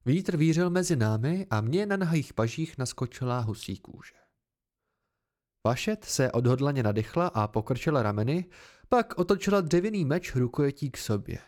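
A man reading a fantasy novel aloud as an amateur audiobook narrator, telling it in a measured first-person voice. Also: mid-range voice, expressive, darkish tone. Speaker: audiobook reader.

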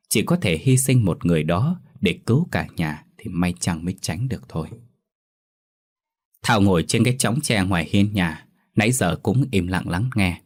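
A man narrating a ghost story in a steady, measured way. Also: sits low.

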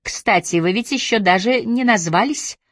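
A woman narrating an audiobook performs a cheeky, chatty young actress full of breezy banter, pitching her medium voice a bit above her own while keeping it close to everyday speech. The delivery is chirpy at a moderate pace, recorded dry and clean in a studio.

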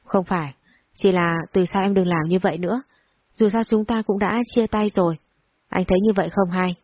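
A woman's voice: mid-range voice, fairly even intonation, brisk, muffled recording, close to an everyday voice. A woman reading the lines of a cold, stern young male company director in an audio story, in a curt, firm way.

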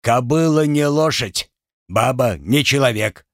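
A man reading an audiobook, voicing a violent, furious Cossack husband who shouts abuse at his wife. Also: mid-range voice, expressive, measured pace, dry recording, studio quality. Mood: enraged.

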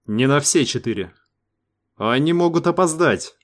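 A man voicing a selfish, panicking male crew member who threatens others with a gun, hoarse and shrill. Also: expressive, a little slow. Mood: panicked. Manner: shrill outbursts.

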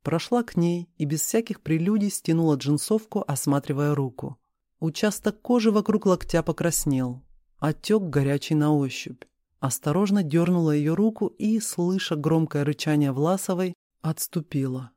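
Storyteller guy, slightly high but mellow, dry close mic, steady reading. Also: moderate pace, dry recording. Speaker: audiobook reader. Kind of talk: reading a first-person novel aloud.

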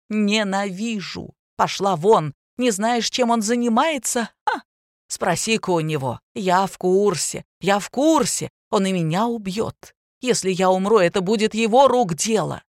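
A woman reader voicing a drunk, hysterical middle-aged woman who shouts and mocks in a slow, drawn-out way. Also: on the low side, expressive, dry recording, studio quality.

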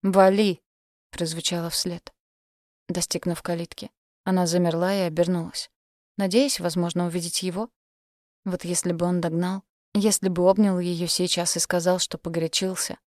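A woman reads a novel aloud in steady, even scripted narration. Her voice sits fairly low. The recording is dry and close, with no room sound. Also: no echo. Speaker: audiobook narrator.

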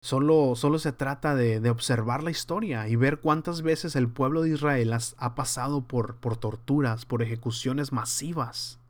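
A man leads a verse-by-verse Bible study in an earnest, conversational way. His voice sits at an ordinary middle pitch, and he preaches as if speaking to brothers in the faith. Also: moderate pace, hardly any pauses. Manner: acts out scenes in lively voices. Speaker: Bible teacher.

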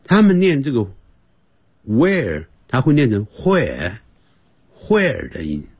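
A low, husky male voice giving a radio English lesson. His pitch swoops widely as he drags words out slowly to show how they sound. The studio sound is dry and close. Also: a little mellow, dry recording. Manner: explains grammar, sounds out words slowly and repeatedly. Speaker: English teacher.

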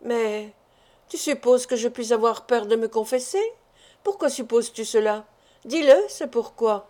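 A woman gives voice to a jealous, proud young man in an audiobook who is quick to flare up. He presses with impatient questions, in a warm, mellow tone. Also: on the high side, steady tone, natural voice. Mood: furious. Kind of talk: audiobook dialogue reading.

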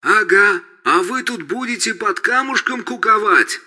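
A man's voice: high voice, lively intonation, unhurried, bright, forceful tone, voice pushed up, exaggerated voice. A man doing a cocky pilot over a radio handset. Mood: breezy. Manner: brash, dismissive of danger. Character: cocky male helicopter pilot. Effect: heard over a radio handset. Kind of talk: audiobook reading.

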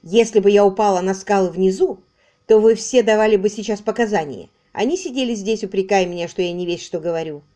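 A woman's voice: medium pitch, mellow, close to an everyday voice. A woman voicing a firm, composed heiress. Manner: firm, measured.

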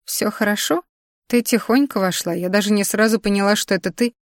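A woman voicing a kindly elderly grandmother in an audiobook, speaking slowly and gently. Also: medium pitch, no echo, clean studio sound, lightly acted. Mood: fond.

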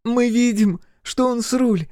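A man doing a sharp-tongued female centaur. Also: very high voice, slow, no echo, clean studio sound, pitched above the performer's own voice. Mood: mocking. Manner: mocking.

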